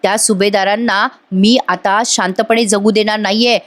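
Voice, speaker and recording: A woman's voice: medium pitch, steady tone, moderate pace, lightly acted. An emotional young man swearing vengeance for his jailed father, as a woman voices him in a serial recap. He sounds earnest and fired up. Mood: vowing. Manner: emotional, vowing.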